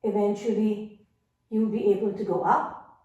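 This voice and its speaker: A woman's voice: medium pitch, steady tone, measured pace, dark tone, muffled recording. A woman teaching a yoga class, giving patient step-by-step cues with fillers, slightly out of breath. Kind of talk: guided exercise instruction. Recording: very echoey, distant.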